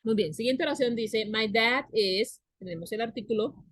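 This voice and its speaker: A woman's voice: a little high, normal speed, a bit bright, husky, no room sound. A woman whose first language is Spanish, teaching an English class and explaining grammar patiently, repeating and spelling out words.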